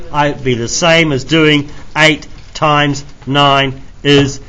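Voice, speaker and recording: A man's voice: a little high, pushed and bright, highs cut off. A man teaching a maths class in an informal, jokey, self-deprecating way, with frequent coughs between phrases. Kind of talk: classroom lesson, explaining step by step. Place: classroom with students.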